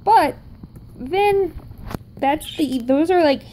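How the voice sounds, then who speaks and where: Slow, mellow-voiced woman rambling casually. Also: high-pitched, lively intonation, slight background noise. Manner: rambling, self-interrupting, chatty. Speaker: vlogger explaining Korean writing.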